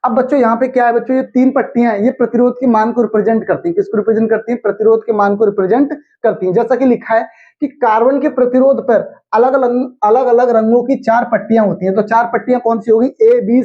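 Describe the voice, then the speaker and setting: A young adult male teacher gives a classroom lecture in a high voice. He asks each point back to the students as a question and chants the memory aids slowly. The recording sounds dull and lo-fi. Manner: slow sing-song chanting of mnemonics.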